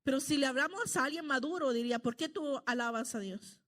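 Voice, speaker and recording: A middle-aged woman from El Salvador with a high-pitched voice delivers a sermon. She speaks earnestly and conversationally, often turning to her listeners with quick tag questions. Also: fairly bright tone. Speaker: preacher.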